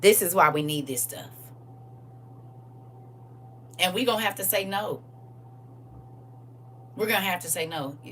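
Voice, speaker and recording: A woman in her forties with a low voice hosts a casual livestream and reads viewer comments aloud in an animated, teasing way. Her mic sits a little away from her, and there is a faint hum behind her. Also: normal speed, recorded from a distance.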